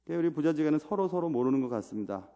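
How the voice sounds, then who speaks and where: Impassioned pastor with hall reverb. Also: male voice, animated, very fast. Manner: swings between loud rising appeals and low quiet asides. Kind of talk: sermon. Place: church sanctuary. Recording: long reverb of a church hall.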